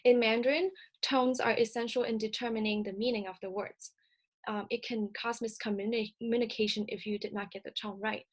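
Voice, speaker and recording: In this recorded slide lecture, a native Cantonese-speaking woman talks in a steady, slightly high tone. Her delivery is measured and explanatory, dotted with frequent filler sounds.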